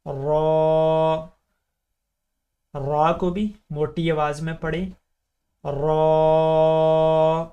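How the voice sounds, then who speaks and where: A male Quran reading teacher works through the Arabic alphabet for beginners in a steady, fairly flat voice. He holds each letter name long and slow, then explains quickly how it should sound. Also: a little high, lo-fi sound. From Pakistan. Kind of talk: recorded lesson for beginners.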